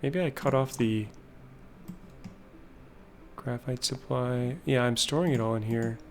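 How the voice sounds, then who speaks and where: With slight background noise, an unhurried male gameplay host in a mid-range voice plays a factory-building game. His let's-play commentary is casual as he reflects on his production lines, and he mentions he's losing his voice.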